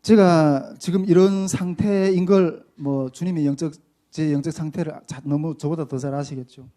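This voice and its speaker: A male pastor preaches a personal testimony sermon. His voice sits high, and he presses hard on some phrases and drops to near a hush on others. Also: steady tone, moderate pace. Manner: emphatic, swings between loud and soft.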